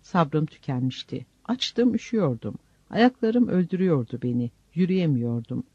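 A man's voice: a little high, expressive, moderate pace, warm tone, husky, no echo. A man narrating a story in the first person, reading it expressively. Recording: dull lo-fi recording, dry.

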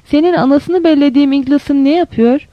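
A woman voicing a fierce, earthy, middle-aged woman guerrilla leader who curses and bellows, husky-voiced, in an audiobook reading. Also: sits high, fast, no room sound, dull audio, pitched above the performer's own voice, lightly acted. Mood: scolding. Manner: coarse, cursing, bellowing.

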